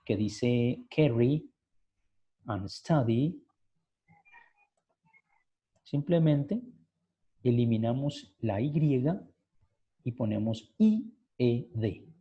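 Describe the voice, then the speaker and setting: A man's voice: medium pitch, expressive, extremely slow, pauses often, warm tone, breathy edge. A man teaching English grammar in an online class, patiently explaining step by step. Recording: muffled lo-fi video call audio.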